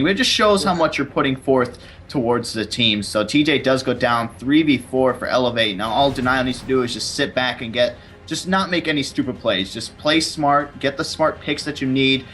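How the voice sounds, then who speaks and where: A man's voice: mid-range voice, a little fast, hardly any pauses, fairly bright tone, slight background noise. A man doing color commentary on an esports match, rambling through his analysis and confidently boasting that his predictions came true. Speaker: esports caster.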